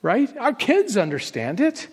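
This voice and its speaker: A man's voice: very high-pitched, huge pitch swings, a little slow, slightly rough, in a large hall. A man preaching a sermon as a pastor, earnest and conversational, building up to emphatic peaks on key phrases.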